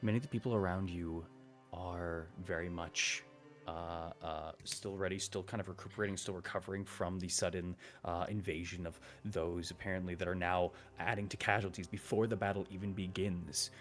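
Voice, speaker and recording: A low-voiced man serves as game master for a tabletop session. He tells the story off the cuff in a conversational way. Soft music sits behind him. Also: fairly even intonation, normal speed.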